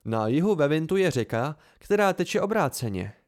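A man's voice: fairly high pitch, big pitch swings, a little mellow, pitched above the performer's own voice. A man voicing an eager young male student offering answers.

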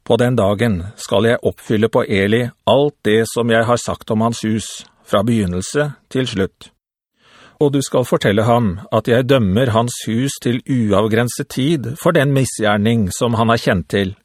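A man reading the lines of God as a grave, unhurried divine voice in a scripture reading. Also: medium pitch, no echo, studio quality, lightly acted. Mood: solemn. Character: solemn divine male voice of God.

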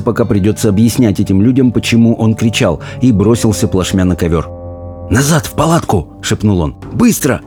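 A man narrating a fantasy novel as an audiobook reader, in steady storytelling that slows and sinks low at grim moments.

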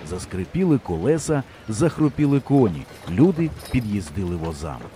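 A male audiobook narrator with a dark, mellow voice. He reads with lively, animated intonation that rises and falls with the story. A faint noise sits under the recording. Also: fairly low pitch, moderate pace. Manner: expressive storytelling reading. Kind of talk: scripted narration.

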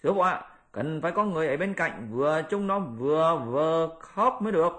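A man voicing a boastful, mischievous male monkey king with a shrill, bossy, teasing manner in an audiobook. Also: expressive, normal speed, fairly bright tone. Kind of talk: audiobook character voice.

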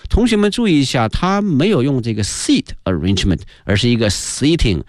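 A man's voice: medium pitch, sing-song, fairly quick, no echo, clean studio sound. A man teaching an English lesson on the radio, ending many phrases with a chatty "ha" and spelling words out letter by letter.

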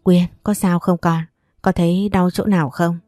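A woman's voice: lowish voice, fairly even intonation, normal speed, dark tone, dry recording, clean studio sound, faint music behind, close to an everyday voice. Woman doing a fierce scolding mother. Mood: worried. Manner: scolding, blunt. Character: fierce protective mother, middle-aged woman.

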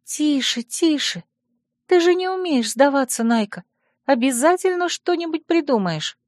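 A woman reading an audiobook and voicing a gentle, worried young woman who soothes and pleads with her friend in a soft, anxious manner. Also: high voice, lively intonation, a little slow, no echo, studio quality, pitched above the performer's own voice. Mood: soothing. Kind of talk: audiobook character voice.

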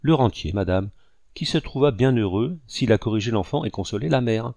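A man reading aloud, voicing a kind, gentle gentleman who reassures a lost child. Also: lowish voice, lively intonation, a little fast, creaky, no room sound, clean studio sound. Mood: gentle reassuring. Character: kindly gentle older gentleman, a rescuer. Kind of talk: audiobook character reading.

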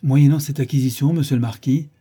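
A man voicing a smug estate steward who flatters his master in a fawning, self-satisfied tone. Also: mid-range voice, fairly quick, slightly rough. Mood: triumphant. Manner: fawning, pleased with himself.

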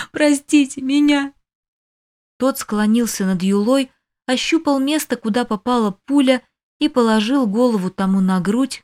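Reading a first-person novel aloud for an audiobook, a woman delivers the story emotively. Her voice is mid-pitched and a little mellow.

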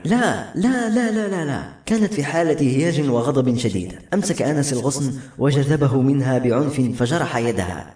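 Fast male novel narrator, echoey room, faint music underneath. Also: mid-range voice. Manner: brisk, steady storytelling. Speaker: audiobook narrator. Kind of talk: scripted narration.

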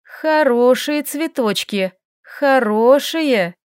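A woman voicing a stubborn, feisty young heroine who bickers and exclaims in quick, sharp lines, read from an audiobook. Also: a little high, lively intonation, dry recording, studio quality.

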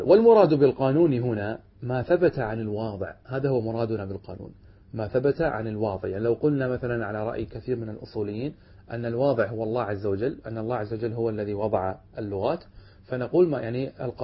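Brief: male lecturer, husky and fast, dull lo-fi recording, quizzes the class and answers himself. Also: medium pitch. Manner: asks students questions and answers them himself; reads quoted passages slowly and deliberately. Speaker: teacher of Arabic rhetoric. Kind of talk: classroom lesson explaining a text.

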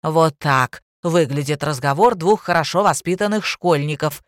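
A woman reading a first-person audiobook in a wry, even storytelling manner. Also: sits low, normal speed, no room sound, studio quality. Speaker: audiobook narrator. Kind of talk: scripted first-person narration.

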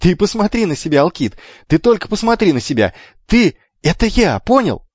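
A man voicing an eager, excitable young boy who exclaims loudly in a raised voice. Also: medium pitch, slow, breathy edge, no echo, muffled recording, voice pushed up, heavily acted. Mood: joyful.

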